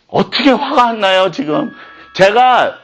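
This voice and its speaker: A man's voice: a little high, big pitch swings, normal speed, faint music behind. A man preaching a sermon as pastor, speaking in an indignant, impassioned way.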